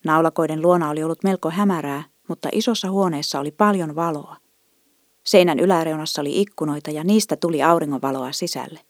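A woman reading a children's story aloud in a gentle, even storytelling manner. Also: deep voice, dry recording, studio quality. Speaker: narrator.

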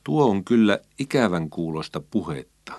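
A stern, serious father from a storybook, read by a male narrator, speaking deliberately in a low voice. The recording is dry and close. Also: very animated, darkish tone, dry recording. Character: stern, serious father lecturing his son.

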